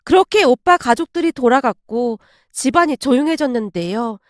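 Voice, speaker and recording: A woman's voice: sits high, animated, normal speed, dry recording, studio quality. A woman in her thirties narrating a personal family story in a chatty, confiding way.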